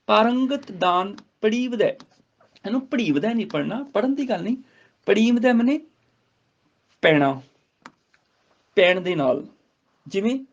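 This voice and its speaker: A man teaching a scripture grammar class at a gurdwara, chanting verses slowly and then explaining them word by word. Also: high voice. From India. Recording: dull lo-fi recording.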